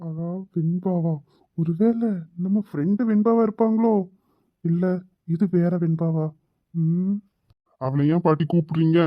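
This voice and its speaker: A man's voice: on the high side, measured pace, pauses often, dry recording, narrow, tinny audio, close to an everyday voice. A man doing a cheeky, teasing young grandson. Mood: playful. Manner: teasing, playful. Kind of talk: web drama voice acting.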